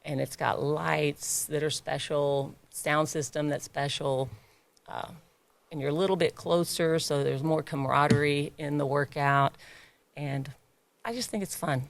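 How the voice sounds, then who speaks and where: A woman's voice: low-pitched, steady tone, measured pace, creaky, a little hiss or hum. A woman who owns a gym, chatting in a podcast interview, laughing often and getting emotional about her members. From United States. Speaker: gym owner and trainer.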